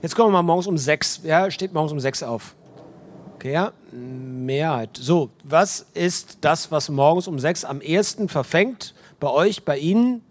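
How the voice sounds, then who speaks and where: A man moderating a live listener event, brisk and jokey, talking to the audience over a handheld microphone. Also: on the high side.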